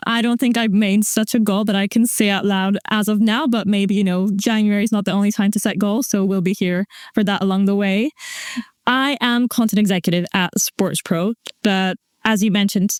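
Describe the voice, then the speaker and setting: Smooth-voiced woman podcast co-host from Greece. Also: medium pitch, steady tone, normal speed, no room sound, clean studio sound. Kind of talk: casual podcast chat.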